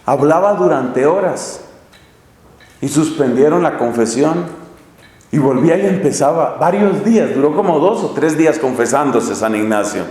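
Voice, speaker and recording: A man preaching a sermon, telling stories dramatically with big swings in pitch and pace. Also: expressive, moderate pace, darkish tone. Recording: echoey church hall.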